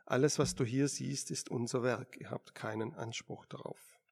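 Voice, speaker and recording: A man reading an unyielding machine intelligence in an audiobook, speaking in a measured, quietly firm way. The voice carries a gravelly fry. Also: medium pitch, fairly even intonation. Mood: calm.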